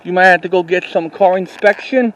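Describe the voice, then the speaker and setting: A man narrating a walking tour outdoors on a town street, rambling and halting with many restarts, recorded on a handheld camera as he walks. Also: high voice, fairly even intonation, fairly bright tone, a little hiss or hum, rough recording. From New York City. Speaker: vlogger. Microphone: handheld camera while walking.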